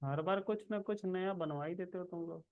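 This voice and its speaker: A man's voice: high-pitched, brisk, phone-quality sound. A man giving a casual screen-recorded coding lesson, talking the viewer through each step and checking in often. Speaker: programming tutor.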